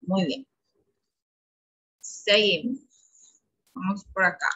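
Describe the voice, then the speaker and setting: A woman teacher with an Ecuadorian Spanish accent leads a children's English class. Her voice is bright and clear, and she keeps coaxing the pupils with patient questions. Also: medium pitch, slow pace, rough recording. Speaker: primary school English teacher. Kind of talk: online class lesson.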